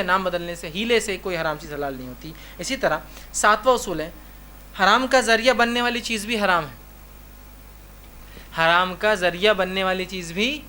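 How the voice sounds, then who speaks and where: An Islamic preacher delivers a religious lecture in a high, pushed, bright male voice with a faint hiss or hum. He speaks emphatically, repeats "remember" again and again, and acts out brief dialogues in his examples.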